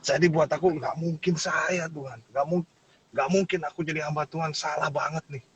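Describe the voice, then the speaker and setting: Man, pastor, husky, animated storyteller, dull recording. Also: on the high side, moderate pace. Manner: animated storyteller, laughs and acts out quotes. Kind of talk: casual testimony in a talk show.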